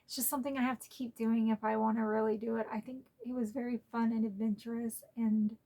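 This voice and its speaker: A woman's voice: on the high side, flat delivery, fast, mellow. A woman vlogging a casual haul in a chatty, rambling, heartfelt way.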